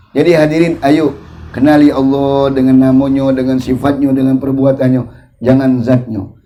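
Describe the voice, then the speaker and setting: A male preacher with a Palembang accent gives a humorous, colloquial sermon at a religious study gathering. His voice sits high and has a gravelly, creaky edge. He drags out his chanted invocations slowly between the jokes. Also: darkish tone. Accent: Palembang Malay. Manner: joking, drawn-out chanted invocations. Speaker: ustadz preacher.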